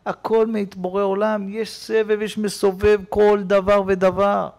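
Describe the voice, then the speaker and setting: Guy rabbi preaching in a synagogue, high-ish voice, goes loud then hushed. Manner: animated storytelling preacher, swings between loud and hushed. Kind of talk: sermon.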